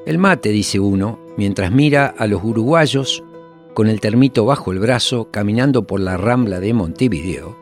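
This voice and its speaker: A man's voice: on the low side, expressive. Male narrator, scripted and reflective, faint music bed underneath. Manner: measured, reflective, rhetorical questions. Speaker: documentary narrator.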